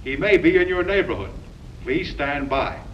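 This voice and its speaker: An actor playing a radio station announcer who reads police warnings in a formal, measured way, heard in early talkie film sound. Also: male voice, fairly high pitch, lively intonation. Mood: urgent. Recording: muffled, distant, faintly hissy 1929 film soundtrack.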